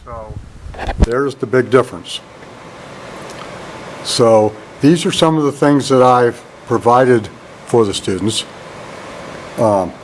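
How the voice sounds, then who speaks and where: Walking through an empty computer lab, a networking instructor gives a casual tour in a deep monotone, rambling a little and often saying "all right." The low-quality recording comes from a handheld camera's mic, with a faint air-conditioning hum behind him.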